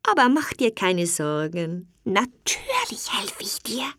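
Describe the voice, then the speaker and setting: A woman voicing a kind, wise old female toad from a storybook, speaking in a soft, whispery voice. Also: mid-range voice, huge pitch swings, slow pace, no room sound, clean studio sound, full character voice. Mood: gentle.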